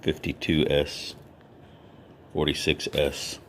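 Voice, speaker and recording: Very deep-voiced man in a casual hobby vlog. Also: monotone, slow pace, a bit bright, slight background noise. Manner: easygoing, talks while sorting, lists coin dates. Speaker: coin collector vlogger.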